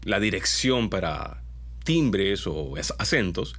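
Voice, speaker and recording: A Peruvian man who works as a voice-over announcer, explaining to his viewers in an animated teaching tone, his Peruvian accent somewhat mixed, often ending points with a question. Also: takes it slowly. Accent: Peruvian Spanish, mixed. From Peru. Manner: animated, pitch jumping up on key points; explanatory, with frequent tag questions. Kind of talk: instructional talk to viewers.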